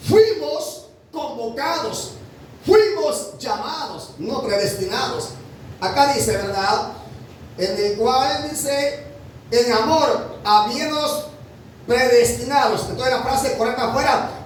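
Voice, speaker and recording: High-voiced preacher in an echoey hall. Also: male voice, distant mic, slight background noise. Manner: emphatic, rhetorical questions, addresses listeners as brother. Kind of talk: sermon.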